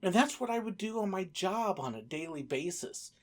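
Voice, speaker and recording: A woman's voice: lowish voice, lively intonation, moderate pace. A woman telling casual stories as a former theme park entertainer, acting out bits of conversation as she goes. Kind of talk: casual anecdotal storytelling.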